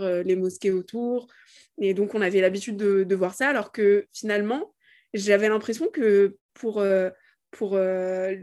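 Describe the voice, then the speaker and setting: A young woman from Morocco talks as a podcast guest at a medium pitch. She weighs her words and pauses often. It sounds like a casual, reflective discussion. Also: darkish tone. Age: 20s. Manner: thoughtful, many hesitations.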